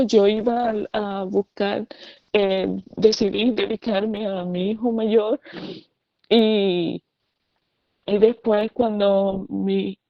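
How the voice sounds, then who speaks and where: A woman giving an earnest personal faith testimony, halting and restarting often. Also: mid-range voice, dry recording, lo-fi sound. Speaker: testimony speaker.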